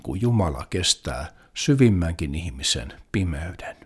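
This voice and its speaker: A man with a very low, deep voice gives a devotional talk. He reads scripture in a slow, solemn and measured way, with a quiet gravity throughout. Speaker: preacher.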